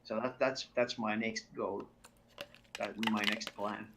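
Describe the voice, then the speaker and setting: A man's voice: lowish voice, fairly even intonation, unhurried, background noise. A man playing a tabletop role-playing game, talking casually and searching for his words. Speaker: player.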